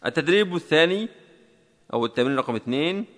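A man teaching a typing lesson step by step, slow and deliberate, repeating each key combination. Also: fairly high pitch, expressive, big-room sound.

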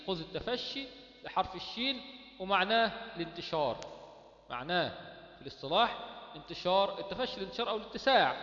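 A man's voice: high-pitched, fairly bright tone, echoey room, in a large hall, muffled recording. A man with an Egyptian accent teaching Quran recitation rules, quizzing his students with questions and answering them himself. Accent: Egyptian Arabic. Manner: drills students with rhetorical questions. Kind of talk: explaining tajweed rules.

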